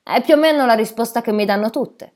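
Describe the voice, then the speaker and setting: A woman's voice: a little high, brisk, darkish tone. A woman reading a first-person literary story aloud, with a dry, matter-of-fact way of telling it. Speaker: narrator.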